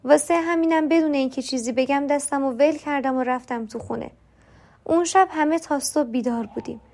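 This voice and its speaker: High-voiced woman telling a personal story. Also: a little mellow. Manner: confiding, voices other characters in dialogue. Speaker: narrator.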